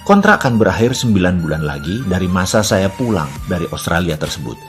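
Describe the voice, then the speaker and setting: Animated middle-aged man telling a story. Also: low-pitched, brisk, soft background music. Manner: reflective, animated storytelling with acted-out inner voices. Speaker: business speaker. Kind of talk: personal storytelling talk.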